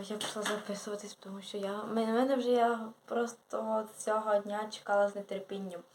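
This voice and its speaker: A woman's voice: medium pitch, a little mellow. A teenage girl from Ukraine chatting casually in a vlog, rambling along and correcting herself. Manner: rambling, with self-corrections and hesitations. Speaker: vlogger. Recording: echoey room.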